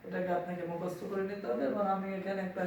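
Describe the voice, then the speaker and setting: A high-voiced man with a Bangladeshi accent teaches English grammar, drilling each phrase slowly and then giving its meaning. His voice has a gravelly edge. He sounds distant from the mic in a very echoey room, with faint ambient noise behind him. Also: little pitch movement, darkish tone. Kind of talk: classroom-style grammar lesson.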